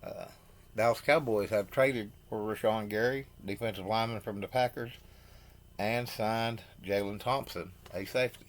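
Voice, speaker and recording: A lowish-voiced man hosts a football news show, reading signings from his notes with halting pauses. He stumbles over names and throws in blunt, opinionated asides.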